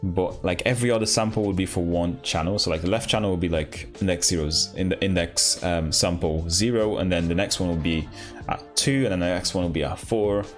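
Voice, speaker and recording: A man hosts a live coding stream, chatting casually and haltingly as he thinks out loud and poses questions to himself. His voice sits low, and faint music plays in the background.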